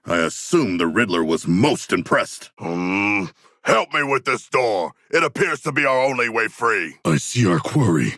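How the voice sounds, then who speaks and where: A man voicing a hulking shark-man in a video game, gravelly, formal and articulate, earnest yet bloodthirsty, with stilted deadpan phrasing. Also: fairly low pitch, a little slow, no room sound, clean studio sound, full character voice.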